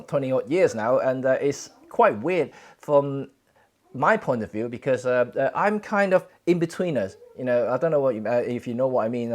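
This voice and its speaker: A man from Hong Kong, a native Cantonese speaker with a mid-range voice, chats casually with viewers during his photography livestream from home. His relaxed, halting talk is full of fillers and self-corrections, captured by a camera streaming setup indoors.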